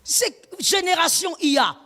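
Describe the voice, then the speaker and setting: High, animated woman preaching. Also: a little slow, long reverb tail, soft background music. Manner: emphatic, preaching with rhetorical questions and bursts of shouting; mixes in Lingala phrases. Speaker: pastor. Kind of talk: sermon.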